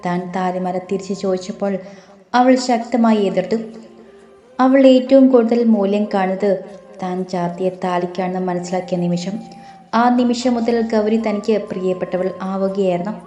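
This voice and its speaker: A woman narrating a romantic audiobook story in a calm, even, gentle reading. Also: mid-range voice, normal speed. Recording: roomy with faint music.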